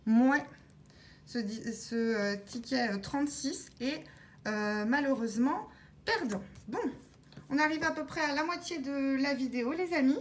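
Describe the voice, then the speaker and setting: A woman vlogger talking through her scratch-card tickets, calmly spelling out letters one by one as she checks each word, with scratching sounds behind her. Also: sits high, measured pace, a little hiss or hum. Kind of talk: casual narration while scratching tickets.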